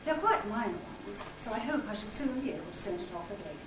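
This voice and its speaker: In a conference hall, an older woman delivers a scripted literary talk fast and with animation, her voice at medium pitch, reading narration along with letters and diary excerpts for a literary society. The sound is echoey and noisy, picked up by a distant mic.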